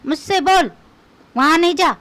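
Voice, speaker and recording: A woman's voice: very high voice, unhurried, a bit bright. A woman doing a comic rant in a scolding, mocking, quarrelsome way. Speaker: comedian.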